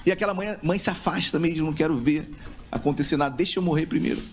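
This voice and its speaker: Impassioned Brazilian preacher, fairly high voice. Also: male voice, quick pace, slight background noise. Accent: Brazilian Portuguese. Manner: impassioned preaching, acting out a mother's voice. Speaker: pastor. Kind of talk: sermon.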